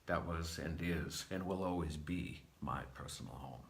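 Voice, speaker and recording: A man from New England giving a slow, deliberate spiritual monologue to his viewers, moving between lively and hushed passages. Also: very deep voice, creaky. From New England, United States. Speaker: vlogger.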